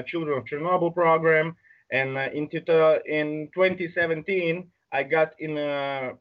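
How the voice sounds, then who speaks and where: A man with a fairly high voice and a Belarusian accent speaks as an interview guest. His English is halting and non-native in its phrasing, delivered conversationally. The audio is somewhat dull and lo-fi. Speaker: interview guest, adaptive sports organiser.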